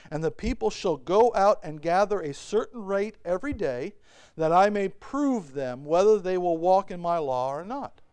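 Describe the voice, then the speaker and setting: A middle-aged pastor preaches at a church pulpit, his fairly high voice swinging widely in pitch. His tone is smooth and resonant, and he keeps tossing questions at the congregation. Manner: animated preaching with rhetorical questions and gestures. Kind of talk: sermon. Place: church sanctuary, at a pulpit by a whiteboard.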